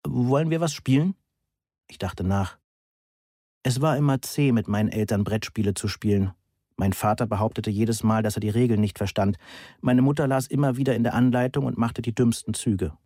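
A man reading a first-person story aloud in a measured, deadpan manner, close to the mic. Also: fairly low pitch, no echo. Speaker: audiobook narrator. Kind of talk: first-person scripted narration.

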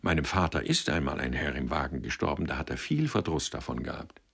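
A man's voice: rumbling low, very animated, brisk, vocal fry, fairly bright tone, breathy edge, pitched below the performer's own voice, exaggerated voice. A man voicing a blunt young carter boy. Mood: matter-of-fact. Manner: plain-spoken, matter-of-fact.

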